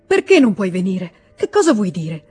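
A woman's voice: medium pitch, big pitch swings, moderate pace, darkish tone, husky, faint music behind. A woman reading aloud, voicing an emotional, imploring middle-aged nobleman who keeps begging his brother-in-law. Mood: pleading. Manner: emotional, imploring, rising to cries.

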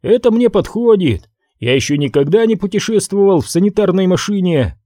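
A male reader puts on a chatty young medic in a hardboiled audiobook, his voice lifted high and bouncing with eagerness. He talks fast and friendly, in a dry, close studio sound. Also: very animated, no room sound, heavily acted. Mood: cheerful. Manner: bright, eager, talkative.

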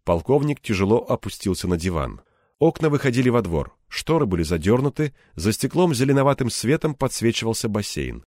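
A man reading an audiobook as narrator, telling the story in a measured, expressive way. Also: mid-range voice, dry recording, clean studio sound. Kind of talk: scripted narration.

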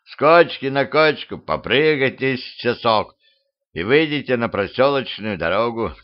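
A man voicing a gloomy talking skeleton stuck in a tree, speaking slowly with drawn-out, ominous words, on a dull lo-fi home recording. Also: medium pitch, lively intonation, close to an everyday voice. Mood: mournful.

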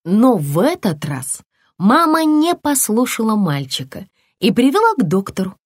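A woman's voice: on the high side, measured pace, no room sound. Woman narrating a children's story, dry close sound. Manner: expressive, lively storytelling. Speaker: audiobook narrator.

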